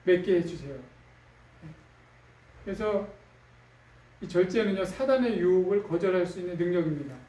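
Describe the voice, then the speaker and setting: A man's voice: high-pitched, normal speed, long pauses, warm tone, lo-fi sound. Guy pastor preaching casual-like, lots of "you know?", kinda far off mic, echoey church. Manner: conversational preaching with frequent fillers and tag questions. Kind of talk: sermon. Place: church sanctuary. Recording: echoey room, distant mic.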